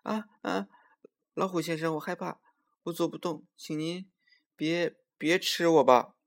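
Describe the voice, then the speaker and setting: A small, clever squirrel from a children's storybook, put on by a male storyteller. The voice jumps up high and squeaky and comes out loud and urgent. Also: fairly even intonation, measured pace, vocal fry. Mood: pleading. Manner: squeaky, pleading then bold. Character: clever brave little squirrel.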